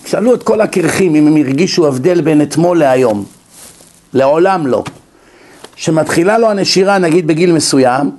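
A rabbi giving a religious lecture, telling anecdotes and asking rhetorical questions. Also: male voice, a little high, creaky, darkish tone, breathy edge. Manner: storytelling, acts out quoted people, rhetorical questions.

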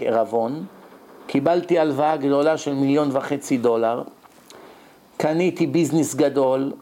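A man's voice: fairly high pitch, mellow, lightly acted. A man voicing a grateful, wealthy stranger who plainly recounts how he returned a coin.

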